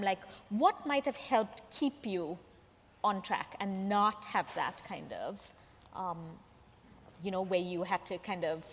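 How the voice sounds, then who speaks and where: A woman's voice: medium pitch, a little hiss or hum. A woman moderating a panel, asking questions and encouraging the panelists with short affirmations. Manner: encouraging, many "mm-hmm" backchannels. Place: conference hall. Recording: roomy hall, faint ambience.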